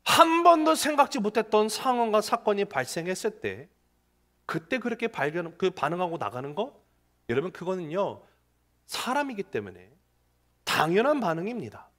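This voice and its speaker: A male pastor delivers a lively sermon in a notably high voice that leaps up and down in pitch. He talks to the congregation in a conversational way and slips into casual speech to act out the people in his story. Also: moderate pace. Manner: animated preaching, acting out biblical figures in casual speech.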